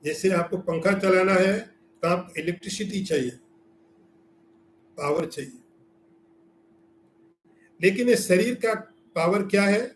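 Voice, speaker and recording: Hindi spiritual teacher in an echoey room. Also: male voice, sits high, unhurried, pauses often, a little hiss or hum. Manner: explains with everyday examples and rhetorical questions. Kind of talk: scriptural lecture.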